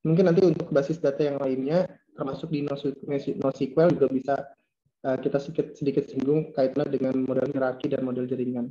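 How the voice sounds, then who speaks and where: Hoarse lecturer, dull lo-fi audio. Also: male voice, medium pitch, flat delivery, brisk, dark tone. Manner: hesitant, many fillers and throat clearing. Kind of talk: online lab lecture. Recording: dull lo-fi online call audio.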